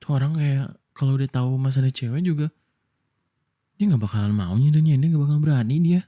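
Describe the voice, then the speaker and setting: A man from Indonesia doing a whispered boyfriend role-play, soft and coaxing as he soothes his partner. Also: medium pitch, quick pace. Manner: soft, coaxing, affectionate toward listener.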